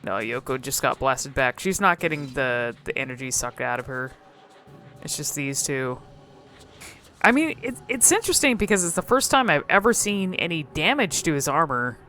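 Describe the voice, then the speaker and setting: A woman with a deep, pushed and bright voice and big pitch swings speaks at a moderate pace over soft background music. As a video host exploring game cutscenes, she gives casual, unscripted commentary, musing and thinking aloud hesitantly.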